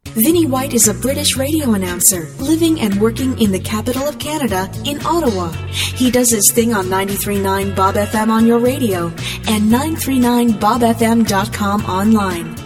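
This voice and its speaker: A woman announcer giving a scripted station promo, smooth and upbeat. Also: a little high, normal speed. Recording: promo read over music.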